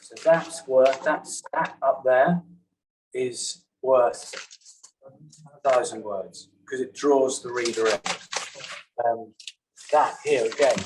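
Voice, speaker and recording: A man teaching a journalism class in a classroom, talking in a halting way and often checking in with "okay?". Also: medium pitch, a little hiss or hum, rough recording. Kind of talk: classroom lecture.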